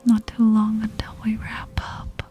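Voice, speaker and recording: Close on an ASMR microphone with music behind her, a woman murmurs slowly and intimately to her live viewers. Her fairly high voice is soft, breathy and often whispered, relaxed in manner, and the sound is lo-fi.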